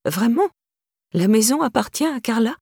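A woman's voice: fairly high pitch, very animated, normal speed, a little mellow, breathy edge, no room sound, studio quality, voice pushed up, full character voice. A woman voicing a timid, prim older woman who speaks in a pinched, frightened tone. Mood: pinched, wary. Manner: clipped, pinched tone.

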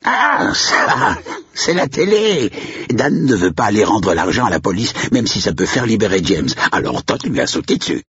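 A man's voice: lowish voice, very animated, moderate pace, fairly bright tone, husky, no echo, pitched above the performer's own voice, full character voice. A man voicing a blunt, slangy rural estate caretaker who swings from threatening to jovial. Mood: affable. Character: gruff rural male estate caretaker, jumpy then jovial. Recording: dull lo-fi recording.

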